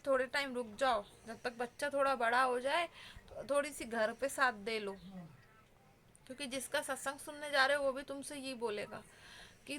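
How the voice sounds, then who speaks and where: A woman's voice: high voice, a bit bright, a little hiss or hum. A woman vlogger giving heartfelt advice straight to her viewers, earnest and pleading in a conversational way.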